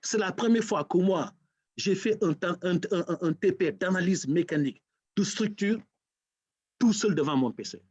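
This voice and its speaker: A man from Senegal with a Senegalese accent, a lecturer speaking as a talk-show guest and telling stories with animated, acted-out dialogue. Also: sits high, normal speed, slightly rough, no echo, highs cut off. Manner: animated storyteller, acts out quoted dialogue. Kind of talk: casual talk-show conversation.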